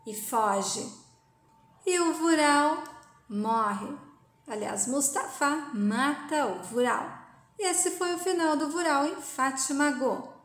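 A woman's voice: high voice, fairly bright tone, reverberant. A woman dramatically retelling a soap opera plot. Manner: dramatic, emotional storytelling. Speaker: TV recap narrator.

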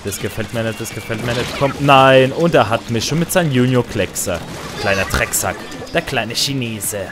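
A man giving casual, excitable commentary while playing a video game online, with sudden loud high outbursts. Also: normal speed. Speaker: gaming let's player. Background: faint game music.

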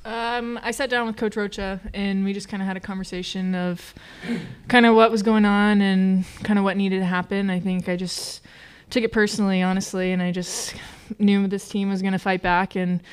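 A young woman answers reporters at a postgame press conference, speaking into a table mic. Her delivery is steady and level, with few rises or falls. Her voice is smooth and clear. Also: mid-range voice, normal speed. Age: young adult. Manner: plain, steady answers with fillers. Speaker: college softball pitcher.

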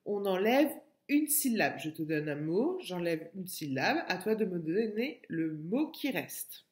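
Slow, lively-voiced woman teacher. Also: lowish voice, roomy sound. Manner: slow, drawn-out syllables for children. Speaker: kindergarten teacher. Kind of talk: recorded lesson for young children.

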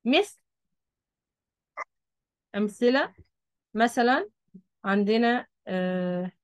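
A woman's voice: on the high side, animated, slow pace, dry recording. Woman with an Egyptian accent teaching. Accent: Egyptian Arabic. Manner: patient, repeats key points, checks understanding. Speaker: Quran recitation teacher. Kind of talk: explaining a lesson at a board.

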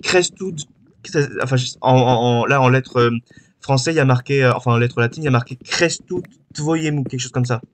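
Guy rambling on about music while gaming, lots of "euh", mid pitch, bit of hiss behind. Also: steady tone, fast. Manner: rambling, hesitant, many fillers, hums tunes. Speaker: gaming channel host. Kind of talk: casual chat while playing.

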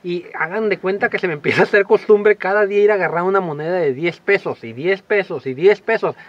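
A man's voice: high voice, no echo, muffled recording. A man, animatedly telling a personal story to the camera in a casual vlog, acting out voices. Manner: animated, acts out voices and shouts in his stories. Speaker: vlogger.

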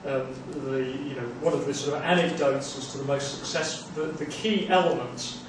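A man answering questions after his seminar talk, thinking aloud and restarting phrases. He is heard from across a small, very echoey room. A steady hiss sits under his voice. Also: mid-range voice, moderate pace, far from the mic. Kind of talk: academic Q&A answer. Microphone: far room camera mic.

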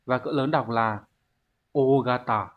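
A man's voice: mid-range voice, moderate pace, narrow, tinny audio. A man teaching an online exam-prep language lesson, explaining step by step and posing rhetorical questions to his students.

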